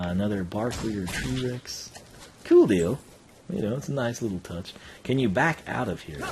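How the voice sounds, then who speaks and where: A male game streamer with a slightly low voice and very animated intonation. He rambles casually and thinks aloud in slang, with faint noise behind him. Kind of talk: casual live game commentary.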